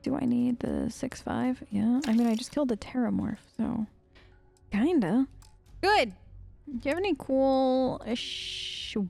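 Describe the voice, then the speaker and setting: High-voiced woman doing playful gameplay chatter. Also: gravelly, dark tone. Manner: playful, chatty, talks back to game characters. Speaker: gaming video host. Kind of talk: casual gameplay commentary.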